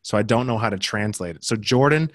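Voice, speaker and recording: A fast-talking young American man, co-hosting a podcast, chats loosely about basketball results with lots of fillers and restarts. His voice is on the low side and expressive, with no echo in this casual sports chat.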